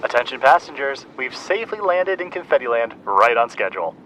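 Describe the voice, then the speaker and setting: A man playing an airline pilot, making a formal cabin announcement over a loudspeaker. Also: mid-range voice, sing-song, a little fast, heavy background noise. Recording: distant loudspeaker voice over music. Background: music.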